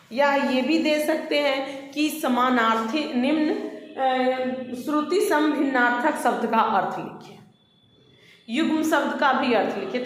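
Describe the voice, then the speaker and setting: A woman teacher speaks in a slightly high voice, patient and repetitive as she drills young pupils on grammar. She stretches example words out slowly to show their stress. Her voice rings through a very echoey room with a long reverb tail. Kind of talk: online Hindi grammar lesson for children.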